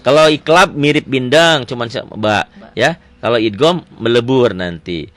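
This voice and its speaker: A man teaching Quran recitation rules one-on-one, quizzing his student with quick repeated questions. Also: medium pitch, lively intonation, fairly bright tone. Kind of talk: one-on-one tajwid lesson.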